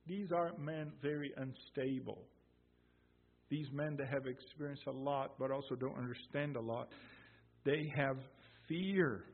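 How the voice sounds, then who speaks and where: Slow husky preacher, tinny sound. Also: male voice, mid-range voice. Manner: emphatic, swelling loud on key phrases, quotes scripture slowly. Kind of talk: sermon.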